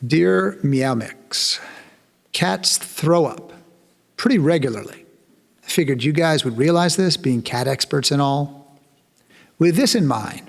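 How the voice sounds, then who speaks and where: A sarcastic, exasperated cat owner griping about ruined carpets, as a keynote speaker puts him on. The voice is gravelly and husky and rings in a long hall echo. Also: male voice, on the high side, exaggerated voice. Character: angry male cat owner complaining.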